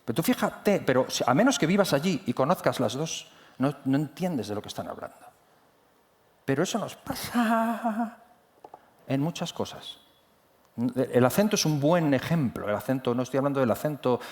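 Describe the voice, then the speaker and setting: A man preaches a sermon in a loose, conversational way, with many restarts and asides. His voice sits a little high for a man. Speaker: pastor. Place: church hall.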